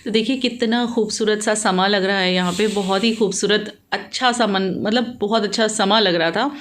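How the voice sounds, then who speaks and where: Her voice is mid-range, fairly bright and fairly even, at a moderate pace, with a little hiss or hum in the recording. This thirty-something daily vlogger narrates casually into a handheld phone, blending English into her Hindi, starting inside a resort and moving outdoors to a scooter ride.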